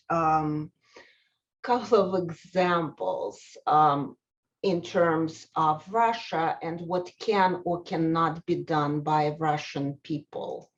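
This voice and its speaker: Slow, hesitant woman giving a talk. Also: fairly low pitch, highs cut off. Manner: hesitant, many pauses and ums. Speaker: speaker at a college event. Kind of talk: prepared talk to an audience.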